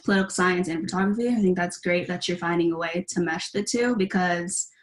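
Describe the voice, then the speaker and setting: A woman's voice: lowish voice, brisk. A young woman hosting a podcast, asking casual, conversational interview questions. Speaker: podcast host.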